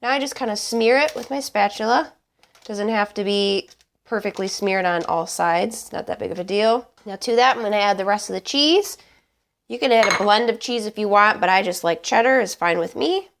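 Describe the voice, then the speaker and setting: A woman presents a recipe in an informal, chatty way. Her voice is stuffed up and honking from lingering bronchitis, at a medium pitch. She talks straight to viewers with emphatic, everyday phrasing. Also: normal speed, fairly bright tone. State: congested, honking voice from getting over bronchitis. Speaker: cooking show host. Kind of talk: casual recipe demonstration to camera.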